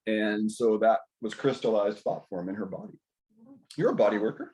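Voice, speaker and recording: Animated middle-aged man telling stories. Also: fairly low pitch, normal speed. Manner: animated storytelling, rambling asides. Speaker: health talk host. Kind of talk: casual group discussion.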